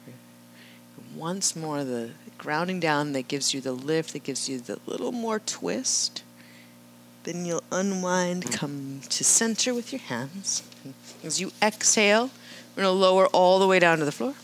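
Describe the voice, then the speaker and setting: A woman leading a live yoga class, calmly cueing breath and movement and often checking in with "right?". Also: on the low side, a little slow, slight background noise. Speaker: yoga instructor.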